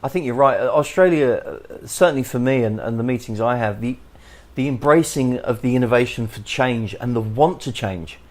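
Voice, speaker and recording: A man with an English accent hosting a podcast interview, talking haltingly with many restarts. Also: mid-range voice. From England. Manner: halting, many restarts and fillers, chuckles often. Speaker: podcast host.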